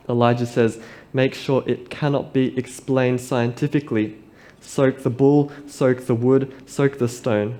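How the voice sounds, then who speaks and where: A man delivers a sermon from a pulpit microphone. His voice is warm and mellow, held in a narrow, even band of pitch. He reads scripture and reflects on it in a measured, earnest way. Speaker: preacher.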